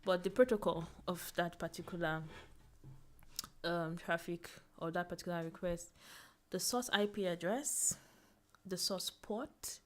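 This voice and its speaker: Young woman walking thru a tech tutorial, kinda low voice, lots of ums and self-corrections. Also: a little slow. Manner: thinking aloud, fillers and self-corrections, laughs at herself. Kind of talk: casual screen-share walkthrough.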